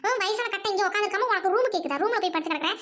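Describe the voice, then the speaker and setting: Woman doing an angry scornful village mother, very high voice, rapid-fire scolding, audio drama. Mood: furious. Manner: shouting insults, scolding hard. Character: furious rich village mother, harsh and scornful.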